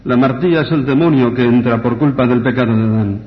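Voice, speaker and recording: A man's voice: medium pitch, steady tone, fast. A man, a priest, telling a story on the radio and then answering questions. He tells it with animation and acts out the people he quotes. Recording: dull radio recording with long reverb.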